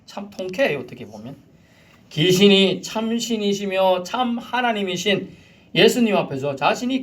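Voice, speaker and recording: Lively, dramatic male pastor preaching. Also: fairly high pitch. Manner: dramatic, shouts commands and drops to near-whispers. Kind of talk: sermon.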